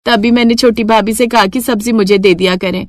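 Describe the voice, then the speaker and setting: A woman voicing a timid, poor housemaid in a cartoon, speaking softly and humbly. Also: a little high, fairly even intonation, brisk, no room sound, studio quality, close to an everyday voice. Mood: humble. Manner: soft, hesitant and humble.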